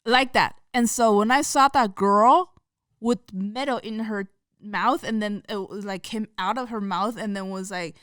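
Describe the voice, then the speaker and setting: Slow-talking woman from Taiwan, smooth voice. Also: mid-range voice, no room sound, studio quality. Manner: storytelling, giggly and animated. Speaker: podcast co-host. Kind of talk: casual chat.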